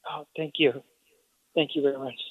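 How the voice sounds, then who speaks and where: A man in his forties, sick with pneumonia in hospital, calling in over a phone line and talking in a halting, hesitant way. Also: medium pitch, steady tone, slightly rough, dry recording. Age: 40s. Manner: halting, hesitant, many pauses. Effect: heard over a phone line. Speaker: caller. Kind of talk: call-in chat.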